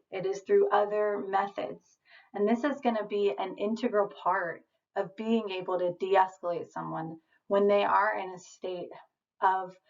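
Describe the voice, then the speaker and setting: A woman trainer giving a calm, reassuring lecture over slides. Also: mid-range voice. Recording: distant, dull lo-fi voice.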